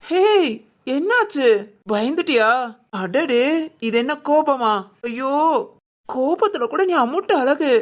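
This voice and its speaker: A smug, leering village lecher from a cartoon story. He teases and schemes in a voice set unusually high for a man. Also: animated, slow pace, pauses often. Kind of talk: animated cartoon voice acting.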